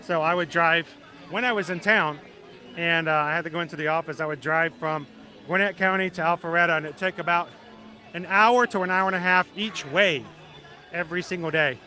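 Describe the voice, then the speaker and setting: A middle-aged man from South Georgia with a deep Southern accent, chatting casually and folksily as he hosts a livestream. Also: brisk, bright, forceful tone. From South Georgia, United States. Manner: chatty, folksy, greets viewers by name. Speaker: livestream host. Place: outdoors in a busy theme park.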